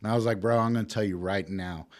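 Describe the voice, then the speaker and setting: A middle-aged man tells a long story on a podcast, his voice sitting low. He rambles and swears freely, with an animated storyteller's drive. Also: quick pace. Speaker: podcast guest. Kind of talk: casual storytelling.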